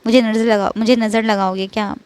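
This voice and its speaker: A woman's voice: a little high, little pitch movement, fairly quick, darkish tone, clear, resonant tone, natural voice. A woman reading the part of a headstrong young wife with blunt, teasing retorts in an audiobook romance.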